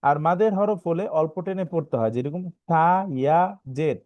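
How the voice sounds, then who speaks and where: A man with a Bangladeshi Bengali accent teaches Quran reading in an online lesson, his voice pitched a little high and recorded dry and close. He spells out each letter and vowel sign slowly. He checks in with his students again and again. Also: lively intonation, no echo, lo-fi sound. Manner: explains slowly, often asks "right?", spells letters out.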